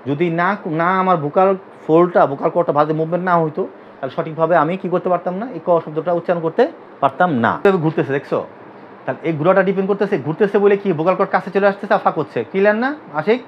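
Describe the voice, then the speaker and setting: Very fast and steady in tone, this man's high voice leads an anatomy class he teaches as a physiotherapy instructor from Bangladesh. Students are drilled with repeated questions and asked to repeat terms back. The dull, lo-fi recording carries a little hiss or hum.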